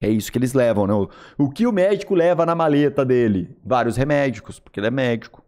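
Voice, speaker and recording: A young man with a Brazilian accent streaming a horror game live. He is excitable, swears, and yelps and shouts in fright. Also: medium pitch, quick pace. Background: game music.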